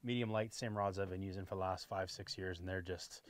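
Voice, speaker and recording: On a boat outdoors, a fortysomething fishing-show host chats easily about his gear through a lapel mic. He speaks in a low voice, a bit fast, and the recording is dry. His manner is laid-back and talkative, and he often ends lines with "right?"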